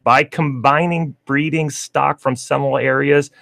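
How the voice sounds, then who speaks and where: A man's voice: medium pitch, steady tone, a little slow, gravelly, a bit bright, no echo. A man hosting a casual radio talk show, reading facts aloud with chatty asides and frequent laughs. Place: radio studio.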